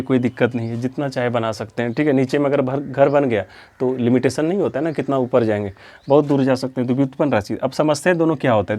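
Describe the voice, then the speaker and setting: A man teaching physics in a patient lecture style, with a mid-pitched voice. He poses a question, gives the answer himself, then repeats the term several times. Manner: repeats key terms, asks questions and answers them himself; steady, explanatory, drills terms.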